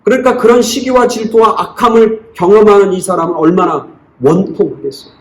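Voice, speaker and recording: 힘주어 설교하는 남성 목사, 울리는 교회. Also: male voice, high-pitched, fairly quick. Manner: storytelling with acted quotes, rising to emphatic questions. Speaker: pastor. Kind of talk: sermon. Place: church sanctuary. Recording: roomy church echo.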